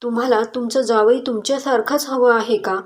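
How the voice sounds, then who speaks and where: A woman's voice: on the high side, steady tone, brisk, lightly acted. A woman voicing a determined young daughter who speaks up firmly and earnestly in a story reading. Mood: defiant. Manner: firm, earnest pleading.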